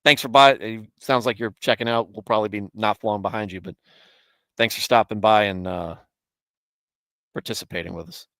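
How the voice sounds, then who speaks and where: Guy in his 30s on a live stream, kinda low voice, rambles and restarts a lot, laughs here and there, dry close sound. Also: steady tone, brisk, sharp tone, no room sound. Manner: rambling, self-correcting, chuckles often. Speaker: streamer hosting a Bible show. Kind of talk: casual live-stream chat with viewers.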